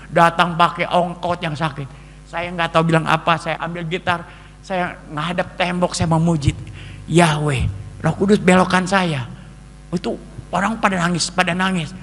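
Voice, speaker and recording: A middle-aged male pastor giving a lively testimony sermon, acting out the voices he quotes and calling his listeners beloved brethren. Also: fairly high pitch, moderate pace. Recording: long reverb, faint background noise.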